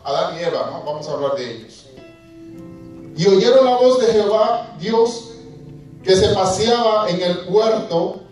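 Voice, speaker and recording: Male preacher, high voice, distant mic in a very echoey church, soft music beneath. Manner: asks the congregation questions, dramatizes scripture. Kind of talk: sermon. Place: church hall. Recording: echoey church hall from far off.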